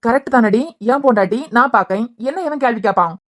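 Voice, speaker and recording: A woman's voice: fairly high pitch, lightly acted. A woman voicing a love-struck young husband who grumbles and teases, with a Kanyakumari Tamil accent. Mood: cheeky. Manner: cheeky, grumbling, quick. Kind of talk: cartoon web series voice acting.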